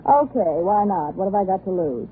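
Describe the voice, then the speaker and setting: A woman's voice: medium pitch, animated, fairly quick, phone-quality sound, natural voice. A woman playing a brash, scheming young Hollywood actress who talks in slangy wisecracks, in 1940s radio acting style. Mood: brazen. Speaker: fading Hollywood film actress. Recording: thin, hissy vintage radio broadcast.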